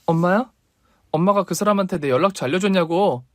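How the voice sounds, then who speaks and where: A man voicing a hurt, defiant young woman in a radio story reading, pleading and then shrill with anger. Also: brisk, no room sound, studio quality, close to an everyday voice. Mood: angry.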